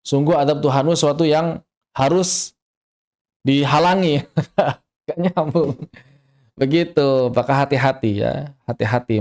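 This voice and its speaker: A man with an Indonesian accent teaching an online tajwid lesson, explaining patiently, repeating points and slowing down to model recitation. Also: medium pitch, a little mellow. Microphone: online class mic.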